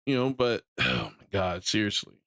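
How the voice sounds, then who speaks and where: A man's voice: lowish voice, moderate pace, a bit bright. Ranting Southern man on a stream. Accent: Southern American. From Southern United States. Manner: ranting, blunt, repeats and restarts phrases. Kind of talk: live-stream reaction commentary.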